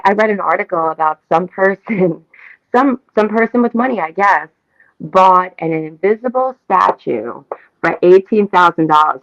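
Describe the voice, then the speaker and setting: A woman with a voice on the low side, recorded dry and lo-fi, chats as a talk show co-host from Staten Island, New York. Her casual talk is animated and opinionated, emphatic, repetitive and casually profane.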